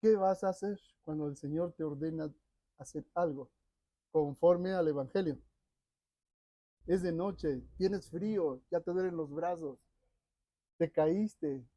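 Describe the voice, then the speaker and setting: A preacher with a high, dark-toned voice delivers a sermon with dramatic swings between loud urging and near-hushed lines. The sound is dry and close, with no room echo. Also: male voice, slow pace, long pauses.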